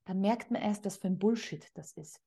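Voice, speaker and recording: A woman's voice: medium pitch, normal speed, creaky, mellow, husky. A middle-aged woman hosting a podcast interview as a parent coach, speaking in an outspoken, emphatic way.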